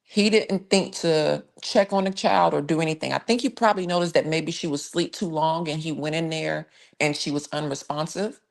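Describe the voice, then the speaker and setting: Woman, low voice, true crime live-stream host: blunt, emphatic, chatty, talks straight to her viewers. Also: steady tone, moderate pace, vocal fry. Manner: blunt, emphatic, conversational with sighs and restarts; reads viewer comments and thanks viewers while talking. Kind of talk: casual live-stream case commentary.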